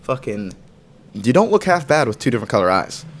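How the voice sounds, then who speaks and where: A man's voice: mid-range voice, sing-song, fairly quick. A young man co-hosting a podcast in laid-back casual chat, swearing freely and laughing often. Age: young adult. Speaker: podcast co-host.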